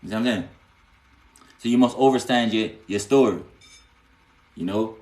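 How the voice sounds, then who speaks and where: Answering questions from viewers during a live stream, a man talks casually about spiritual lore at a normal speed. His voice sits on the low side and is a little mellow, the room sounds roomy, and he keeps asking "you know what I'm saying" before surging into emphatic bursts.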